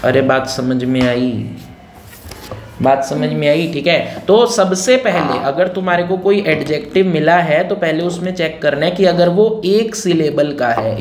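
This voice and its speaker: A male grammar teacher leading a classroom lesson, repeating key words and firing check questions at his students. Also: fairly high pitch. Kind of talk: classroom grammar lesson in Hindi mixed with English. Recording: roomy echo with faint noise.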